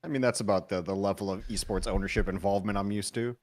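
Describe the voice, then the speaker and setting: A man co-casting an esports stream in casual chat, trading dry, deadpan quips. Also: on the low side, fast talker.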